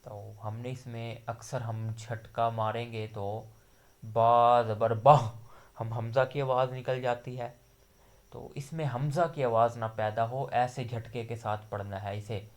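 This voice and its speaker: A man teaching a recitation lesson, patiently explaining and slowly sounding out example syllables. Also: medium pitch, level tone. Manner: patient, repeats letters slowly with drawn-out demonstration syllables. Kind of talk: online tajweed lesson.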